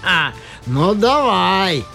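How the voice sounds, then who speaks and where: A man voicing a boastful, bullying demon strongman who bellows in slow, drawn-out words. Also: high voice, very animated, vocal fry, pushed and bright, voice pushed up, full character voice. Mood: mocking, straining. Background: faint music.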